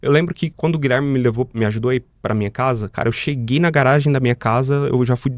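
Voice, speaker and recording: A man with a Brazilian accent, appearing as a guest in a podcast studio, vividly tells a personal story, acting out the dialogue and calling the host "cara". He talks fast in a mid-range voice, and the recording is dry.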